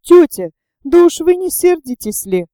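A woman's voice: high-pitched, measured pace, warm tone, no echo, clean studio sound. A woman voicing a giddy, childlike, timid young woman who babbles playfully in an audiobook. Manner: playful, babbling, easily frightened.

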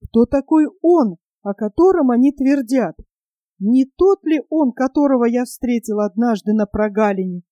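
A woman's voice: fairly high pitch, lively intonation, moderate pace, dark tone, dry recording, highs cut off, lightly acted. A woman voicing a troubled young male fawn who wonders anxiously in a storybook tale.

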